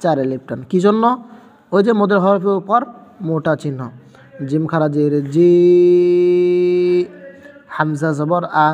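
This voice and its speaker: A man's voice: on the high side, measured pace, long pauses, darkish tone, big-room sound. A man teaching a Quran reading lesson, patiently spelling out letter sounds one by one and repeating them.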